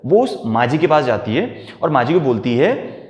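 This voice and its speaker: A man's voice: medium pitch, moderate pace, highs cut off. A man teaching a chemistry lesson by telling a story and acting out the characters' lines. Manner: animated storyteller acting out dialogue. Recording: echoey room with long reverb.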